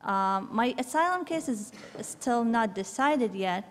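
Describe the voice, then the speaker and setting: A woman's voice: on the high side, expressive, a little hiss or hum. Young woman at a podium. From Iraq. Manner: measured, with frequent ums and uhs. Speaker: public commenter. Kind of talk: prepared public statement. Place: large city council chamber. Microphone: fixed podium microphone. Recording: long hall reverb.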